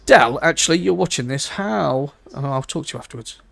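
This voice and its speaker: A man in his thirties calls a live sim race in a loose, rambling, chatty way. His voice has a gravelly edge, and he laughs easily between updates. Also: a little high, expressive, brisk, fairly bright tone. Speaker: sim racing commentator. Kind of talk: live esports race commentary.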